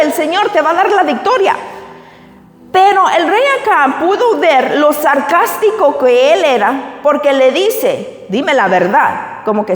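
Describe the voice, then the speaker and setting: A woman pastor preaching a sermon. She reads scripture aloud and retells it in a conversational way, slipping English phrases in. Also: high voice. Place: church. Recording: echoey church hall.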